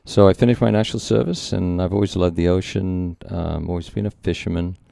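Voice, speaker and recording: A man's voice: deep voice, steady tone, fairly quick, gravelly, warm tone, no echo, clean studio sound. A man in his sixties from Singapore, a company founder chatting as a podcast guest, joking and rambling with many restarts. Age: 60s. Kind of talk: casual interview chat.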